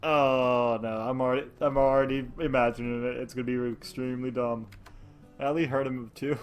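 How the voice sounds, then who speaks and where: A man reads a dating-style game aloud, his voice sitting at an ordinary middle pitch. He breaks off to laugh and crack jokes, tripping over words as he goes. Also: level tone, moderate pace, clean tone, soft background music. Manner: laughs often, jokes, stumbles over words while reading. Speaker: let's play host. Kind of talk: reading a visual novel aloud with commentary.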